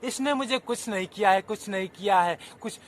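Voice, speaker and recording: A man's voice: high voice, normal speed, natural voice. A man voicing a pleading guilt-denying snake. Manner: defensive, pleading. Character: venomous snake, pleading its innocence.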